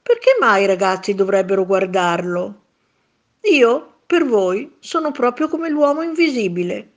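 A woman voicing a gentle, lonely old retired man who speaks softly and wryly in a storybook reading. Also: mid-range voice, very animated, measured pace.

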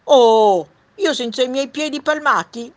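Bright, lively storybook duck, played by a woman, slow. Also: high-pitched, voice pushed up. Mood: chatty. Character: chatty little duck.

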